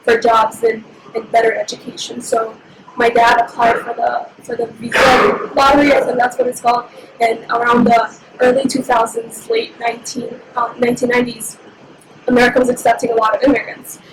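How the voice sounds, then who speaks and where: A nineteen-year-old woman who grew up in Egypt and speaks Somali as her first language, telling her story in an interview in a reflective, unhurried way. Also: fairly high pitch. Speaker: interviewee, university student. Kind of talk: personal interview. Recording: echoey room with steady background noise.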